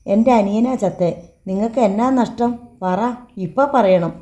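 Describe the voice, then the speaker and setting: A woman's voice: medium pitch, a little slow, dark tone, lightly acted. A woman voicing a drunk, bitter middle-aged man who rants abusively in a storybook reading. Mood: angry.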